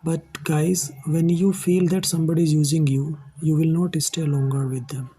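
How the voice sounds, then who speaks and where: A man from India with an Indian English accent, telling his own life story to his viewers in a halting, earnest way. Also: fairly high pitch, flat delivery, warm tone, husky, low-quality recording. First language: Hindi. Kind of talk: personal storytelling to camera.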